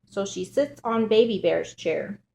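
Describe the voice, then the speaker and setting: A woman reading a children's picture book aloud in a steady, clear manner. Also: medium pitch, a little slow. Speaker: storybook reader.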